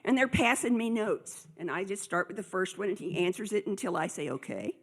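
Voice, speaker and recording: A woman speaker telling a lively story to a conference audience, acting out the dialogue as she goes. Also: medium pitch, brisk.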